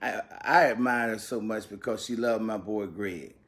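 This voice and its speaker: A man's voice: on the low side, moderate pace, a bit bright. A pastor, a man, giving a folksy, joking and emphatic memorial tribute.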